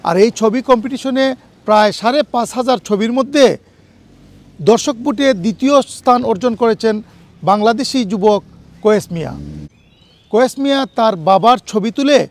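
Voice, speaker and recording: A man's voice: very high voice, very fast, long pauses. A male news reporter reading a formal news script at speed.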